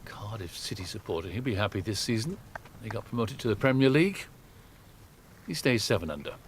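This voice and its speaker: A man's voice: on the low side, very animated, brisk, a little hiss or hum. A man giving live golf commentary in short, descriptive phrases.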